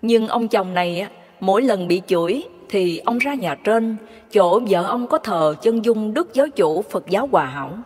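A woman narrating devotional stories in a measured, reverent way. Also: medium pitch, lively intonation, a little mellow, faint music behind. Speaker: storyteller. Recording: long hall reverb.

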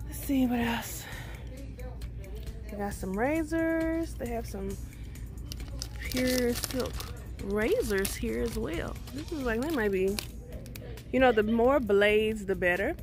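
Over music, a middle-aged vlogger walks a store aisle filming on her handheld phone, chatting to viewers she calls "y'all." Her slightly high voice is animated, her pace slow with long pauses, in this casual shop-with-me talk.

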